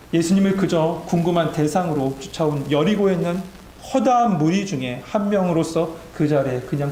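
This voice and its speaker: A man's voice: a little high, darkish tone. A male pastor preaching a sermon to his congregation. He exhorts his listeners and builds to emphatic peaks. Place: church sanctuary. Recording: echoey church sanctuary with faint hum.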